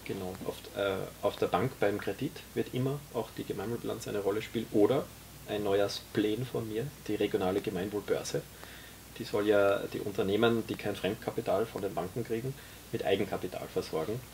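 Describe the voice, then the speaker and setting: A man in his forties with a low, gravelly voice explains his vision at length, pausing often with fillers. He talks in a small tea café, picked up by a camera mic a few metres off. A faint hiss sits under the recording. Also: fairly even intonation, a little mellow. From Austria. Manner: explanatory, many hesitations. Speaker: guest, author. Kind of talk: casual conversation.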